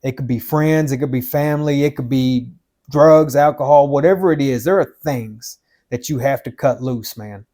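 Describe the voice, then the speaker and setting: Here a podcast host in his fifties, mid-range voice with a dark tone and moderate pace, dispenses blunt life advice to motivate. Repetition is his tool for emphasis, and "man" and "dude" come up again and again as he addresses the listener.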